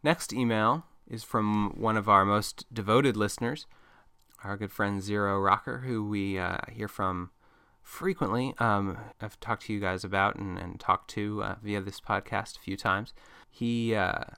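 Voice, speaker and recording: A male podcast host talks casually into a close mic, musing and thinking aloud. His voice sits on the low side but sounds bright and forceful, with a smooth, crisp clarity. The sound is dry, with no room echo. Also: steady tone, a little slow.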